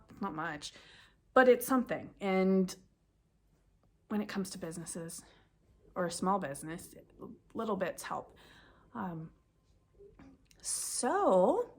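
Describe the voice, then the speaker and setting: Sniffly from a cold, a woman vlogs casually to the camera about knitting, rambling and correcting herself as she goes. Her medium-pitched voice is expressive and slightly rough, moving at a slow pace with long pauses.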